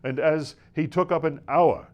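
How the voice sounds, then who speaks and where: The reader of this classic lecture is a man whose voice is a little high, with fairly even intonation. He gives a scripted, measured, oratorical reading of a nineteenth-century address to preachers, with emphasis that shifts.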